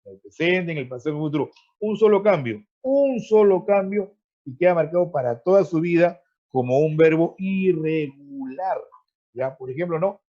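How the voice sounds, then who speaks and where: Male online tutor, slightly high, keeps checking the class understands, muffled call audio. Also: moderate pace, warm tone. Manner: explanatory, checks in with frequent "¿ya?" and "¿no?"; repeats words while searching. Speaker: teacher. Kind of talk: online pre-university grammar class. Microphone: video call. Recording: dull lo-fi video call audio.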